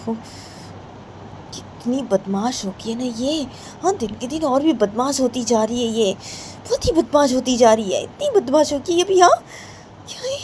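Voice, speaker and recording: A woman's voice: sits high, very animated, normal speed, a little mellow, a little hiss or hum, pitched above the performer's own voice. A stern older mother-in-law nags and scolds in a raised, insistent voice, played by a woman narrator. She talks in short, repeated demands, in a homemade spoken family drama. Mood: scolding. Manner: nagging scolding tone.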